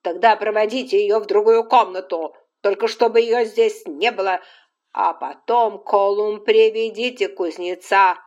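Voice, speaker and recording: A woman reading an audiobook and voicing a fierce, protective older mother who orders people about loudly and forcefully. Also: medium pitch, steady tone, a little slow, dull audio, voice pushed up, natural voice. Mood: angry commanding.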